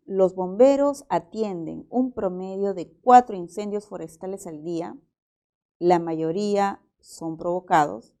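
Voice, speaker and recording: A woman's voice: mid-range voice, dark tone. A woman teacher, working methodically through exam-prep language exercises and explaining each example aloud.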